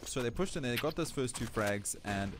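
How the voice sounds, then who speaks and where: A South African man casting an esports match, excitable and quick to climb in pitch and volume when the action heats up. The stream audio is noisy, with game gunfire and clicks running behind his commentary. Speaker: esports caster.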